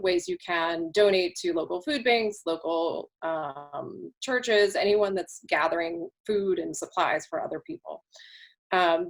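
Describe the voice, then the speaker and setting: A woman council member giving an informal, wandering report over a video call, her voice worn from a long day. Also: fairly low pitch. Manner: informal, wandering, many restarts. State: losing her voice.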